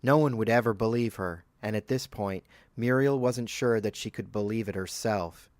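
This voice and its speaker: A man narrating a horror audiobook in a measured storytelling manner. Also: fairly low pitch, no echo. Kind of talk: scripted narration.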